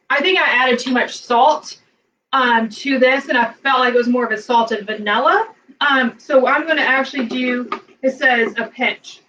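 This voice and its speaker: A woman's voice: high voice, pushed and bright, distant mic, highs cut off, a little hiss or hum. A woman chatting casually as she walks through a recipe in her home kitchen, rambling with lots of fillers. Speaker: cooking vlogger. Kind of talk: casual cooking demo.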